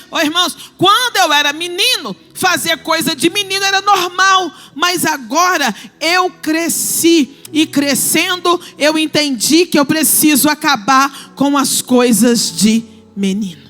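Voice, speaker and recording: High, bright-voiced woman preaching emphatically. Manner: emphatic, swings from soft asides to shouted declarations. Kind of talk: sermon. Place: church.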